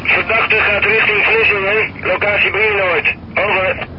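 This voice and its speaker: A man's voice: high-pitched, level tone, a little slow. An actor playing a businesslike male police radio dispatcher, heard through a police radio transmission, speaking in clipped radio procedure. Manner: clipped radio procedure, ends each message with over. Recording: dull lo-fi radio with hiss.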